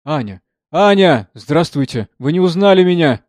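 A man's voice: a little high, normal speed, darkish tone, no echo, clean studio sound, close to an everyday voice. A man voicing an earnest, shy young officer who speaks hesitantly and politely. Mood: earnest, flustered.

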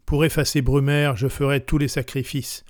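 A man's voice: medium pitch, little pitch movement, normal speed, darkish tone, no echo, studio quality, close to an everyday voice. A man voicing an earnest young general. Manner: earnest, exclaiming. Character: young, rich, dashing male general.

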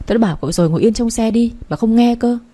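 A woman's voice: a little high, rapid-fire, mellow, pitched above the performer's own voice, lightly acted. A woman voicing an anxious, earnest young man in a storybook reading. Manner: fretful, pleading.

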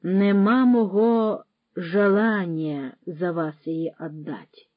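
A woman's voice: fairly low pitch, takes it slowly, no room sound, narrow, tinny audio. A woman voicing a stubborn older male village shopkeeper who speaks curtly and dismissively, in a storybook reading. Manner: curt, dismissive, mixes in Russian words.

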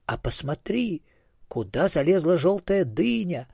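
Man voicing a gentle, curious cucumber for a storybook; raised, slightly husky voice. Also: sits high, big pitch swings, no echo, studio quality, voice pushed up, heavily acted. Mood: wondering. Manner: wondering, slow storybook delivery.

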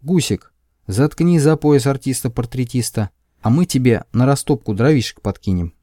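A rowdy mob of winged alien extremists, as a man puts them on, shouting high-pitched jeering chants. The voice is dark in tone, and the recording is dry. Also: moderate pace, dry recording, lightly acted.

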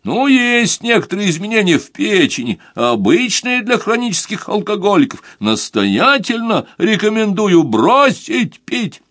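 A man reads a doctor shouting formally down a crackling line in a raised, lively voice. The reading is slow and dry-sounding. It is a storybook audiobook. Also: high voice, no echo, voice pushed up, exaggerated voice. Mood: reassuring. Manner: formal, loud over a bad line. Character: stern older male doctor on a crackling phone.

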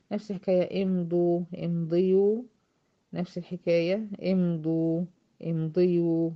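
A woman with an Egyptian accent teaching a tajweed lesson, often asking her students questions and slowly drawing out example words. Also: fairly low pitch, highs cut off. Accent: Egyptian Arabic. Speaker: Quran recitation teacher. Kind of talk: tajweed lesson explaining grammar.

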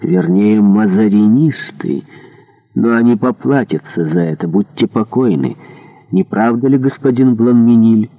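Sly suave churchman, read by a man, low husky voice, smooth and knowing. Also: unhurried. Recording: tinny narrow-band audio.

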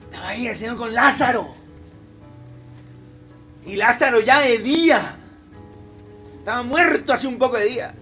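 A man pastor preaching a sermon in a lively, humorous way, full of rhetorical questions. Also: extremely high pitch, normal speed, pauses often, faint music behind.

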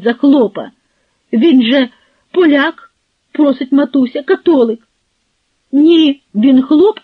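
A woman's voice: high voice, voice pushed up. A woman voicing a frightened, pleading young village girl in an audiobook. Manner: emotional, pleading. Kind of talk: audiobook character voice. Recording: husky, phone-like, dry.

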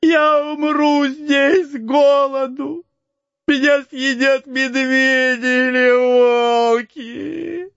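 Scared little boy, tearful, high, slow, pleading, dry muffled recording. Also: a bit bright, clear, resonant tone, no echo, full character voice. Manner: tearful, high-pitched begging. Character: crying frightened little rich boy, pleading.

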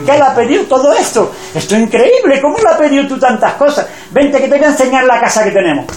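A man voicing a poor village wife who is wildly overjoyed, squealing and gushing at high speed. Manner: squealing, fast and excited. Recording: roomy echo.

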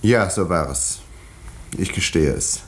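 An actor playing a reserved, educated country doctor in a restrained, measured way in a 1950s radio play. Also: male voice, low voice, expressive. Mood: subdued.

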